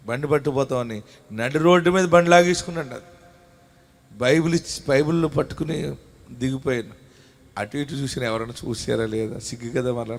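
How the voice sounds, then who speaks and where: A man with a Telugu accent preaching a sermon as pastor, calling out to the congregation and telling personal stories, moving between loud shouted exhortation and quiet storytelling. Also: mid-range voice.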